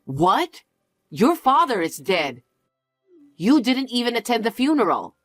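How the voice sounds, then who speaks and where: A frantic, guilt-tripping middle-aged mother, put on by a woman narrating a story, pitched lower than the narrator's own voice and dragging her words slowly. Her tone swings widely between panic and blame. The read is close and dry, with faint music underneath. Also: very animated, no room sound. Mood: anxious, pushy.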